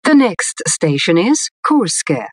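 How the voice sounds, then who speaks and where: Unhurried, lilting woman making subway announcements. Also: fairly low pitch, big pitch swings, no echo, clean studio sound.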